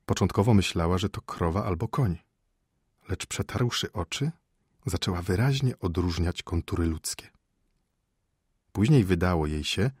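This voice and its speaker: Husky-voiced male audiobook narrator. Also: deep voice, no room sound, studio quality. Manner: dramatic, animated reading. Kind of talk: expressive scripted narration.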